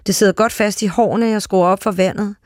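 A reader narrating a literary short story aloud in a calm, steady way. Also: mid-range voice, dry recording, clean studio sound.

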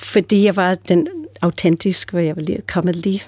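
A woman's voice: lowish voice, steady tone, darkish tone, breathy edge, no room sound. Older American woman telling stories. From United States. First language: English. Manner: chatty storyteller, hesitant with fillers and restarts. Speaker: guest. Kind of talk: casual chat.

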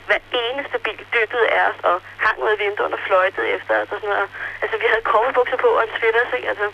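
Young woman on a crackly phone line. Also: medium pitch. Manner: hesitant, many fillers, chatty. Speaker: interrailing traveler on the phone. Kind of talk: phone interview. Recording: telephone line with faint hiss.

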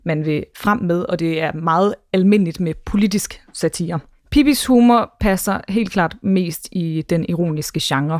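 A woman's voice: lowish voice, a little mellow, no room sound, clean studio sound. A woman who is a stand-up comedian, explaining ideas articulately in an interview.

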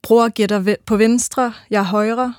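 A woman giving a measured, rhythmic reading of her own first-person literary prose. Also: on the high side, fairly even intonation, dry recording, studio quality.

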